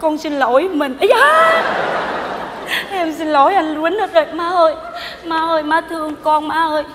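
A woman's voice: sits high, a little fast, close to an everyday voice. A woman playing a wheedling young wife. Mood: pleading. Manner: pleading, chatty, excitable. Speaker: stage comedy actor. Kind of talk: live stage comedy sketch. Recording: live stage with loud audience noise.

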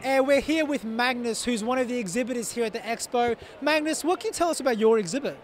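Young aussie guy hosting at an expo, cheery and upbeat, really high voice, handheld mic. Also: quick pace, over music. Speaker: event show presenter. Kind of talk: upbeat on-location presenting. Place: outdoor and indoor expo hall, crowd around.

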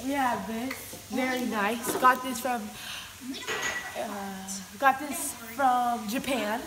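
A woman's voice: fairly high pitch, takes it slowly. Young woman vlogger, playful and mock-boastful, filmed on a phone in an echoey house with some noise behind her. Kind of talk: joking house tour. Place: large house and backyard. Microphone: handheld phone camera. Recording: roomy phone audio with background noise.

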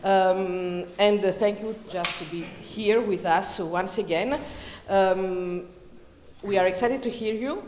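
A woman's voice: medium pitch, darkish tone. Woman with a French accent in a reverberant hall. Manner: hesitant, many fillers, halting in English. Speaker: conference organizer. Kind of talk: formal introduction to a lecture. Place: large lecture hall. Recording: roomy hall with long reverb, faint noise.

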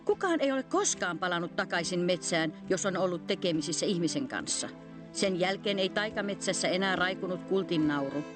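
A woman's voice: on the low side, expressive, music in the background, close to an everyday voice. A woman voicing an old, wise tree that speaks in a grave, somber way.

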